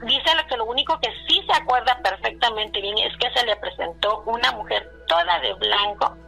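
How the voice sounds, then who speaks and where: Woman caller, fairly high and bright with a gravelly edge, rambling storyteller full of fillers and restarts, faint music behind. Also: animated, normal speed, rough recording. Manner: rambling, many restarts and fillers, retells dialogue. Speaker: caller telling a personal story. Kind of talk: casual spoken storytelling.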